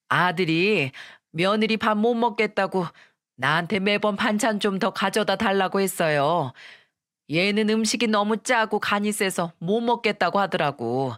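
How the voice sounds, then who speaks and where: A woman's voice: mid-range voice, a bit bright, no room sound, studio quality, close to an everyday voice. A woman voicing a weary middle-aged mother-in-law who sighs and grumbles, in a scripted story reading. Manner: sighing, grumbling.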